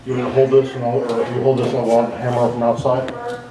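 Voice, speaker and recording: A man's voice: mid-range voice, level tone, quick pace, crowd noise. A man giving casual, practical work talk as an installer on a job at a laundromat. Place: laundromat during equipment installation. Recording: echoey, distant mic, background voices.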